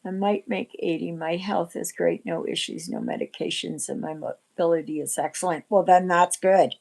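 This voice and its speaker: A woman in her sixties hosting a casual livestream chat, rambling and often clearing her throat. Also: lowish voice, normal speed, a little mellow, poor audio. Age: 60s. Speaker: livestream host.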